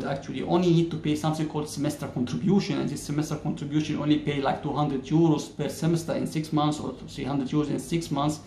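Gesturing as he talks, a man from Egypt, a native Arabic speaker, explains something casually to his YouTube camera in a slow, measured way full of "uh" pauses. His slightly high male voice has a warm tone and vocal fry. The bare-walled indoor room echoes, and a faint hum lingers beneath.

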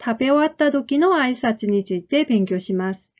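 A woman teaches a language lesson in a fairly high voice. She speaks clearly and deliberately, repeating each model phrase several times. The recording sounds somewhat muffled. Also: lively intonation. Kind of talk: slow, careful lesson explanation.

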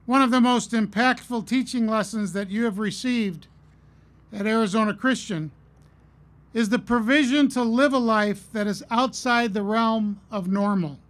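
Man, middle-aged, commencement address, fairly high voice, measured pauses, podium mic. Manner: earnest, storytelling, measured pauses. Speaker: commencement speaker. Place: outdoor stage at a podium. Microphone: podium mic on a stand.

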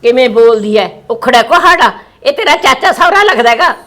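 A woman playing a sharp-tongued older village grandmother who scolds and comforts. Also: high voice, animated, a little fast. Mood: scolding. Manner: scolding, then soothing.

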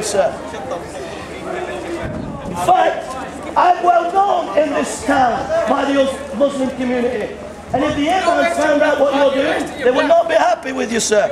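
A middle-aged man from England, preaching loudly and repetitively outdoors on a shopping street. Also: very high-pitched. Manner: loud, repetitive, confrontational, pointing and gesturing. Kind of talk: open-air street preaching. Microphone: handheld camera a few metres away. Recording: echoey street with crowd noise. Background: passers-by and crowd noise.

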